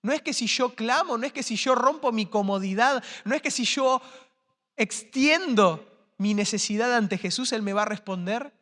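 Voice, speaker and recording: Male pastor, high voice, impassioned sermon, long church reverb. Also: moderate pace. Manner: impassioned, rising to shouts then dropping to quiet. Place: church sanctuary.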